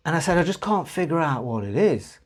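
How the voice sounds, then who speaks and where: Slightly high-voiced with big pitch swings and a little fast, a man vlogs a personal story to camera, rambling and hesitant with many restarts, and earnestly frustrated while recounting his grievances.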